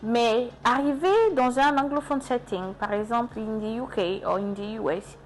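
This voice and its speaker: A young adult woman teaching an English lesson in French. She speaks slowly and repeats words to model their pronunciation. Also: fairly high pitch, a little hiss or hum.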